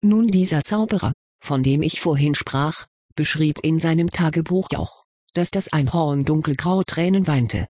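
A reader voicing an old, wise male headmaster wizard who explains things calmly, in an audiobook reading. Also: mid-range voice, a little slow, no echo, clean studio sound, lightly acted.

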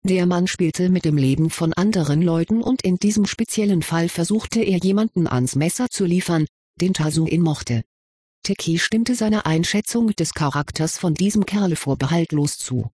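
A storybook reader with a husky, middle-pitched voice, narrating in a steady, even way. The sound is dry and close, with no room around it. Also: moderate pace, dry recording. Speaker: audiobook reader.

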